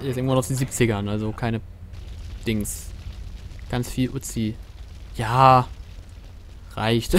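This man speaks at a medium pitch over slight background noise. A German-accented gaming streamer, he delivers casual, jokey let's-play commentary, chats with his viewers and swears freely.

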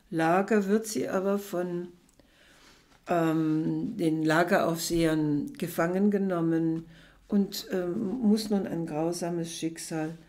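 A woman's voice: on the low side, dark tone. A woman talking thoughtfully about a book, with hesitations, and then reading passages from it aloud. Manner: thoughtful, hesitant, many pauses. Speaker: book presenter.

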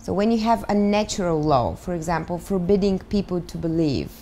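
A woman in her thirties from Bulgaria, speaking English with a Bulgarian accent, answering interview questions thoughtfully and pausing to search for words. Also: on the low side, dark tone, a little hiss or hum. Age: 30s. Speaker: guest, start-up founder. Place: living room, on a sofa.

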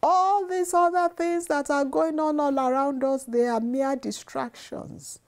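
A woman's voice: high voice, fairly even intonation, a little slow. A middle-aged woman giving an earnest devotional sermon to camera from a living room, repeating phrases for emphasis, on a lapel mic. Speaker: devotional speaker. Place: living room, seated on sofa.

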